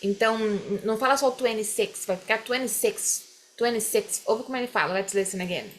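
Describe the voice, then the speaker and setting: A woman teaching English, explaining phrases slowly and having students repeat them. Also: medium pitch, slight background noise. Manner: drills phrases slowly, mixes English lines into Portuguese explanation. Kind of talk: classroom explanation.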